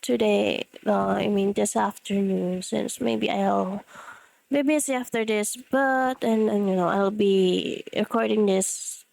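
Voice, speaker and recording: This game streamer, a Filipino woman with Tagalog as her first language, talks at medium pitch in a steady, slow, gravelly and slightly mellow voice, and the recording is rough. She's alone in her room giving rambling commentary in a Filipino accent. Having lost her voice, she's still recovering, and fillers and self-corrections abound.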